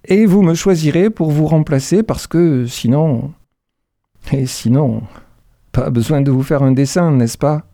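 A cold, ambitious businesswoman from a read-aloud thriller, as a male narrator puts her on, taunting in slow, smug, deliberate phrases. The voice sits a little high but stays dark and mellow, recorded dry and close. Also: no echo. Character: scheming ambitious female executive, cold and mocking.

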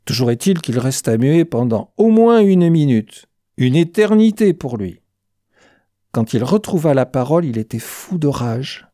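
Slow, mellow storyteller reading a war tale. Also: mid-range voice, very animated, dry recording, studio quality. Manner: slow and deliberate, slangy. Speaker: audiobook narrator. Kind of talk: first-person war story narration.

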